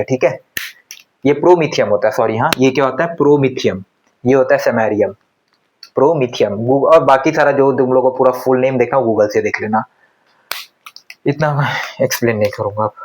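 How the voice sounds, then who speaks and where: A man teaching chemistry in a casual lecture style. He talks conversationally and keeps firing quick questions at students, then answers them himself. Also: mid-range voice, low-quality recording. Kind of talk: classroom lecture.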